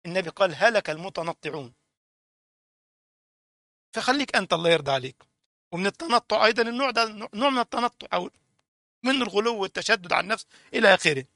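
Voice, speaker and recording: A man with an Egyptian accent giving a lively, informal sermon and mocking people who imitate others. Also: high-pitched, fast, pauses often, no echo, clean studio sound. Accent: Egyptian Arabic. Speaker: preacher.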